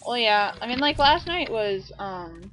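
A young woman narrates her gameplay in casual commentary, swinging her pitch widely as she reacts. She swears freely and exclaims loudly at the game. A faint hiss sits under the recording. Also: very animated, a little slow. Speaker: let's play host.

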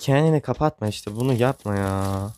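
A man's voice: lowish voice, moderate pace, dark tone, a little hiss or hum. A young man chatting casually as he comments on his own gameplay, joking and grumbling along the way. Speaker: gaming YouTuber.

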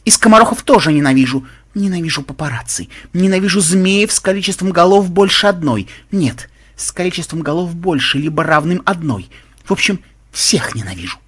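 A man's voice: fairly high pitch, lively intonation, a little fast, fairly bright tone, voice pushed up. A man voicing a grumpy, misanthropic male programmer who snaps and grumbles. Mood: muttering. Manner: gruff, snapping growls.

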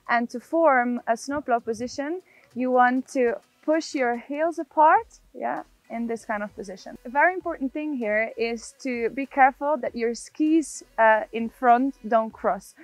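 High-voiced young woman giving ski instruction. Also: no room sound, poor audio. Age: young adult. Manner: step-by-step, often checking with "yeah?". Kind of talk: instructional tutorial presented to camera. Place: outdoors on a snowy ski slope. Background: background music.

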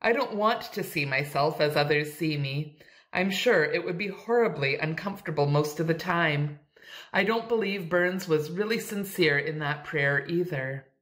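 A woman's voice: deep voice, normal speed, fairly bright tone. A woman reading aloud, voicing a bold, slangy young woman in a raised, emphatic voice. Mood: teasing.

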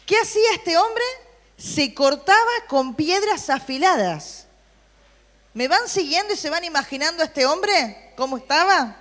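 A woman's high voice fills a big room as she preaches to a youth group in a lively way. She reads aloud from Bible verses and versions and asks the room questions.

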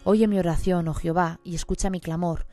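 A woman reading a psalm aloud in a solemn, measured recitation, with music clearly behind her voice. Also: on the low side, fairly even intonation. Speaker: scripture reader.

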